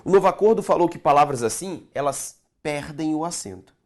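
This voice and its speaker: A man's voice: a little high, lively intonation, fairly quick, a little mellow. A man teaching a grammar lesson, stretching key words and checking in with the viewer.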